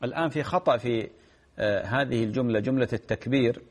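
A man answers callers' religious questions on a call-in show. He sits at an average pitch for a man and takes his time, explaining patiently and stretching out the words in his examples. He sounds like a cleric settling everyday questions. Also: fast.

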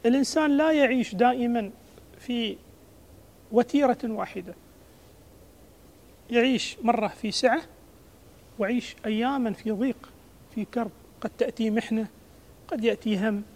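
A woman's voice: on the high side, normal speed, long pauses. A woman giving a religious lesson, retelling an old story, acting out the characters' words and explaining them in dialect. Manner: lively, acts out the characters' speech and explains in dialect. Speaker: religious teacher.

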